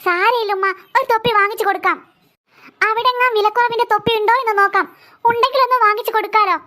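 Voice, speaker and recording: Performer doing gentle cartoon mum, Malabar accent, soothing, high bright voice. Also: fairly even intonation, fast talker. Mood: placating. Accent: Malabar Malayalam. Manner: soothing, placating. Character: patient young mother calming her son.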